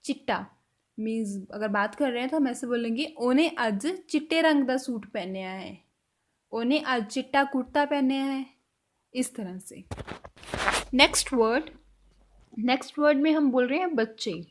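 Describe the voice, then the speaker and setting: A woman with a high, light voice gives a spoken language lesson. She says each example phrase slowly and with care, then lets her voice sink quietly as she wraps up each point. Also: animated. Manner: drops to a quiet close at the end of each point. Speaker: language teacher.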